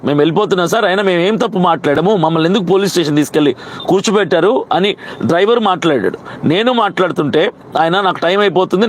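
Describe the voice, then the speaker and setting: A man, a pastor, recounts his arrest in a rapid, heated stream, acting out the voices of both sides. His voice sits high and races along. Faint traffic noise hums behind him.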